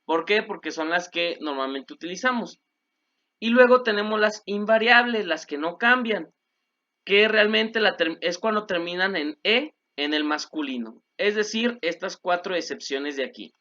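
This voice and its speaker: A man gives a patient language lesson in a bright, clear voice. He explains step by step and repeats each example pair slowly. The recording is dull and lo-fi. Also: sits high, lively intonation. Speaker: French teacher.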